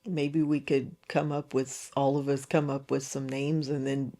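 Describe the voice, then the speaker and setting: A woman's voice: extremely low pitch, level tone, a little slow, dark tone. A woman co-hosting a podcast, chatting casually and reacting with frequent exclamations. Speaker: podcast co-host. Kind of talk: casual conversation.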